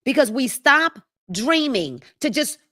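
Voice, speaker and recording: Woman, 50s, motivational book-club host, high-pitched, preachy cadence. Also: very animated, pushed and bright, dry recording, studio quality. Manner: preachy, drawn-out reading with asides to viewers. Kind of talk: live-stream book reading and motivational talk.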